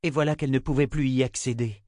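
A man narrating a dark fantasy audiobook in steady, measured storytelling. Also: medium pitch, dry recording, studio quality. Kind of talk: scripted narration.

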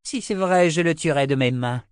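A man's voice: medium pitch, expressive, moderate pace, dry recording, studio quality, pitched above the performer's own voice, lightly acted. A man voicing a brutal, furious army general who barks orders and threats in an audiobook. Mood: harsh, shouting.

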